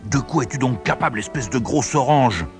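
A man's voice: huge pitch swings, normal speed. A man doing a boastful, mocking wind. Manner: boastful, taunting, high and loud. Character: boastful blustering male wind, mocking and vain. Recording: background music under the voice.

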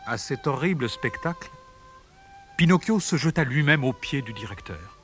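Male storybook narrator: expressive and animated, over music. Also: mid-range voice, normal speed. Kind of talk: storybook read-aloud.

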